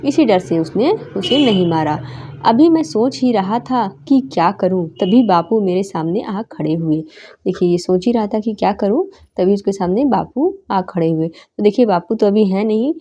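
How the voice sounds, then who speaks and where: Brief: woman teacher explaining a story lesson to children, mellow tone, medium pitch. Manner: reads aloud and explains, with "देखिए" asides. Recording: slightly dull lo-fi recording.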